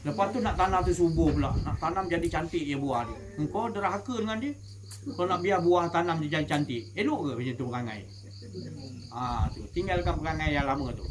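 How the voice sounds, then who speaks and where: A man's voice: a little high, lively intonation, brisk, noisy background. A man with a Malaysian Malay accent giving an informal religious talk to a gathering, colloquial and asking the listeners questions. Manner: colloquial, asks the audience questions. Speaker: religious teacher.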